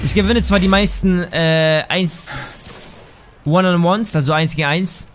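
A man's voice: high-pitched, unhurried, faint music behind. A man commentating his own shooter game in a casual, frustrated way, swearing and thinking aloud. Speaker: gaming commentator. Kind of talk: casual let's play commentary. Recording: game gunfire behind the voice. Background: game gunfire and sound effects.

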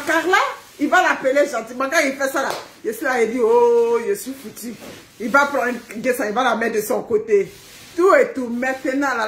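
A high-pitched middle-aged woman tells her viewers about life at home in a loose, chatty live stream. She laughs often and acts out family arguments with lively energy. Her voice rings in an echoey room. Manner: animated, laughing, acting out family quarrels. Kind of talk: casual storytelling to viewers. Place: at home, indoors.

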